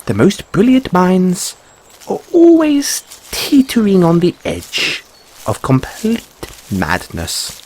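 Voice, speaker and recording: A man's voice: high voice, huge pitch swings, slow pace, a little mellow, heavily acted. A man playing an anxious, polite, whimsical rabbit boy in a fantasy audio roleplay, with stammered, courteous, old-fashioned phrasing. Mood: whimsical, musing. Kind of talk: theatrical fantasy audio roleplay addressed to listener.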